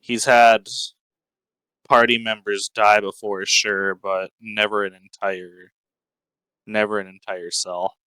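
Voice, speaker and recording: A man improvising story narration as a player in a tabletop game, with dramatic, deliberate pauses. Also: on the low side, flat delivery, pushed and bright, clear, resonant tone, dry recording, rough recording. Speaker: tabletop role-play player.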